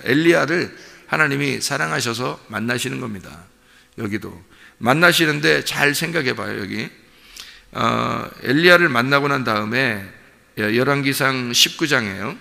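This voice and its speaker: A man's voice: medium pitch, vocal fry, bright, forceful tone, in a large hall. A male pastor giving an early-morning sermon in a conversational way, acting out short bits of dialogue. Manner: conversational preaching, acting out dialogue, frequent fillers. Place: church sanctuary.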